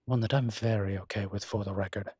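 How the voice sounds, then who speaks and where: Indignant and protective of his own kind, the suave demon in this intimate roleplay audio drama speaks wryly and articulately, with unhurried, emphatic phrasing full of pride. The male actor's lowish, husky voice is a little mellow, with fairly even intonation and little melodic movement. It's recorded very dry and close, with no echo.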